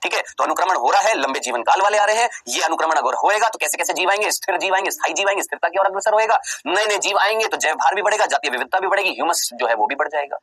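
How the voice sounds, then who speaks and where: A man teaching a biology exam-prep lecture, who asks rhetorical questions and answers them himself, repeats key terms slowly for emphasis, and plays his students' replies. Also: high voice, lively intonation, a bit bright, husky, no echo, poor audio.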